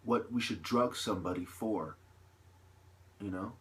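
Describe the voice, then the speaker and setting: A man with a lowish voice rants passionately in an unplanned vlog monologue. He halts mid-thought, hammers the same points again, and throws out rhetorical questions.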